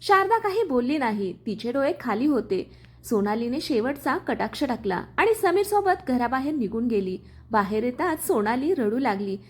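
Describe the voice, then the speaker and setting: A woman's voice: on the high side, big pitch swings, moderate pace, breathy edge. A woman narrating a family drama story in a dramatic storytelling manner.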